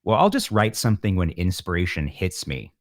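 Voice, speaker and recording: As a guest being interviewed, a musician with a low-pitched voice talks earnestly and at length, reflective and prone to putting himself down. He speaks briskly, his pitch swooping wildly, and the recording is dry with almost no room around it.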